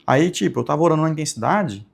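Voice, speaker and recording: A young man telling a personal religious testimony, soft-spoken and rambling, often tagging his sentences with little questions. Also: on the high side, lively intonation, quick pace, gravelly, husky. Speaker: channel host giving testimony.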